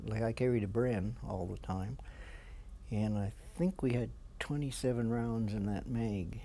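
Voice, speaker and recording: Elderly man, seventies, Canadian accent, veteran remembering, halting plain speech, relaxed warm tone, faint background noise. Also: fairly low pitch. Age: 70s. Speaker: war veteran being interviewed. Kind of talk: veteran's reminiscence in an interview. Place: small indoor room with flags. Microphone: lapel mic.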